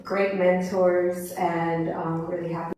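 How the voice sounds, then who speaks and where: A woman's voice: fairly low pitch, flat delivery, slow pace, heavy background noise. A woman giving a shy, hesitant personal speech as a new apprentice at an event. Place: event hall. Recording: echoey room, mic far off.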